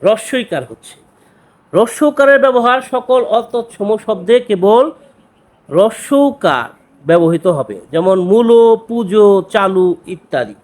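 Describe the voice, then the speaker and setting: Guy teacher going over exam grammar, fairly high voice, keeps repeating words and asking "okay?". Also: expressive. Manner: repeats key words, asks quick check questions. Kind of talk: exam-prep grammar lesson.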